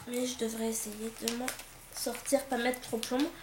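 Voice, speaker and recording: A chatty woman with a slightly high voice talks casually through an unboxing, full of fillers and happy outbursts. She is recorded on a camcorder in an echoey room with a faint hiss behind her. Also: moderate pace. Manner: chatty, many fillers and restarts, excited exclamations. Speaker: book vlogger.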